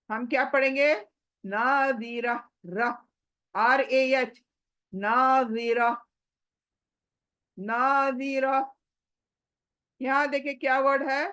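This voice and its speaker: A woman's voice: high voice, a bit bright, muffled recording. A woman teaching Quran recitation rules in an online class, drilling words with repeated questions and spelling sounds letter by letter.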